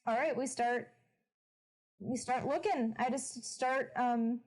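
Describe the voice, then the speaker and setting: A woman joins a tabletop game as a player and drops quick, playful asides. Her voice sits a touch high. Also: poor audio. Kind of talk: tabletop role-play chat.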